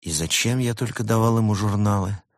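A man's voice: fairly low pitch, fairly quick, no room sound, clean studio sound, close to an everyday voice. A man voicing a worried, earnest male tiger in a storybook reading.

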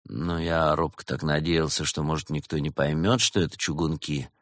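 A man's voice: lowish voice, brisk, dry recording, studio quality, natural voice. A man doing a sulky teenage puppy. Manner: sulky, offhand. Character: bored teenage male puppy.

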